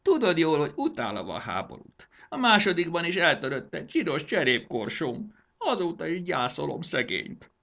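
A man's voice: medium pitch, big pitch swings, pushed and bright, dull audio, voice pushed up. A man reading a storybook aloud and voicing a hysterical, petulant male ruler who shrieks, sobs and whines. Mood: whining. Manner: shrieking, sobbing, manic laughter.

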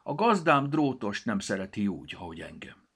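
A man with a gravelly, husky voice, voicing a small, timid talking pair of glasses in a storybook, high and plaintive. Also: sing-song, a bit bright, exaggerated voice.

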